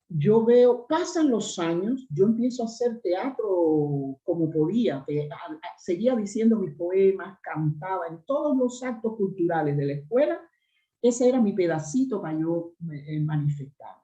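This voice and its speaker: A woman's voice: fairly low pitch, a little slow. Resonant Cuban woman telling stories. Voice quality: strong, resonant voice. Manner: animated storyteller, lively asides. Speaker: actress, interview guest. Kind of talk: storytelling in a conversational interview. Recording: roomy, slightly dull recording.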